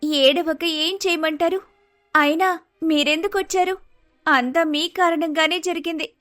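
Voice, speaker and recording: A woman voicing a young daughter-in-law in an animated storybook, speaking in shrill, accusing complaints. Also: dry recording. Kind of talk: storybook voice acting.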